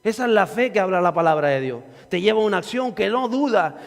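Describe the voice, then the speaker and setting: Male preacher, fervent and repetitive, very high voice, echoing church hall. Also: lively intonation, fast. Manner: fervent, repetitive, rising to shouts. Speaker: pastor. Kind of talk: sermon.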